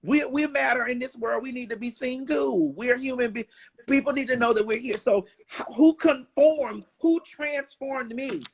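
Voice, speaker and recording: A woman's voice: high voice, moderate pace, husky. A woman in her forties giving an interview in a blunt, emphatic, profane way. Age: 40s. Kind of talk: casual interview chat.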